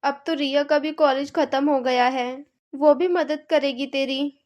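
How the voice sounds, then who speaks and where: A woman's voice: high voice, fairly even intonation, unhurried, lo-fi sound. A woman voicing a bossy, complaining middle-aged mother-in-law in a cartoon, nagging and scolding.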